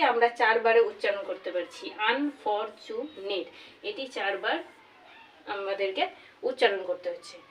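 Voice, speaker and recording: A woman teaching a grammar lesson, slowly repeating each example word. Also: on the high side, a little hiss or hum. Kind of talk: classroom lesson. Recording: voice from far off the mic.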